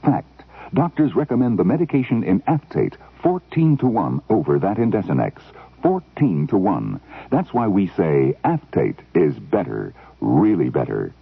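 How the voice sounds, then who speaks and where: A tinny, dry radio ad read by a male announcer. His gravelly, husky voice delivers an emphatic hard sell with huge swings of intonation. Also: sits low, sing-song, normal speed, no echo. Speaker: commercial announcer.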